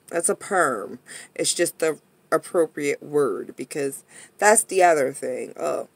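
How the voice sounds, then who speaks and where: Husky, tipsy American woman ranting. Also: sits low. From Pennsylvania, United States. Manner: tipsy, drunken rambling, blunt and profane. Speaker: vlogger. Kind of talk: rambling casual rant to viewers.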